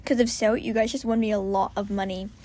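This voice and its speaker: A woman voicing a cheeky male firefighter who teases his friends loudly and playfully. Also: medium pitch, flat delivery, brisk, slight background noise, close to an everyday voice. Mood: teasing. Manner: loud and playful.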